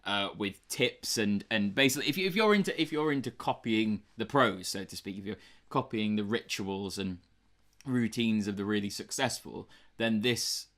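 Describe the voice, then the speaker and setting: A man's voice: lowish voice, moderate pace, a bit bright. A young British man co-hosting a book review chat, talking casually and rambling with lots of fillers and restarts. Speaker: book review podcast co-host.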